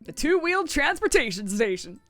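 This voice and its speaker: A woman's voice: high voice, big pitch swings, brisk, fairly bright tone, soft background music, voice pushed up. A woman playing a cheesy, over-the-top announcer, hyping with stretched-out words as she reads a video game aloud. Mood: hammy, hyped.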